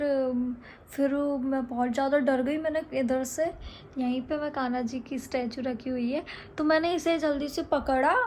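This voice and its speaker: High-voiced young woman telling a story. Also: a little mellow, a little hiss or hum. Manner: chatty, halting, with many fillers and restarts. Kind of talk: casual storytelling.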